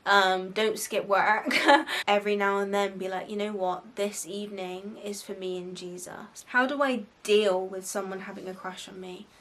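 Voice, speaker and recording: A young woman from Bristol, England, hosts a faith podcast, giving frank, casual advice with a Bristolian accent. She's chatty, laughs a lot, and fills her talk with "like." Her medium-pitched, fairly bright voice stays steady, at normal speed with hardly any pauses.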